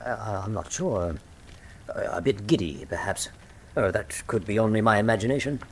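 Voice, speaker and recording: An actor playing Doctor Watson, a loyal, earnest and excitable old-soldier companion in a radio drama. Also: male voice, fairly low pitch, moderate pace, a little hiss or hum, close to an everyday voice. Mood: uneasy, frightened.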